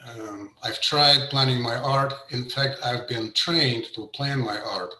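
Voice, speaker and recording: A middle-aged man from Russia, a painter giving an informal artist talk over a video call, pausing often with fillers and restarts. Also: medium pitch, pushed and bright, echoey room, low-quality recording. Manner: hesitant, many fillers and restarts. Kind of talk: informal presentation.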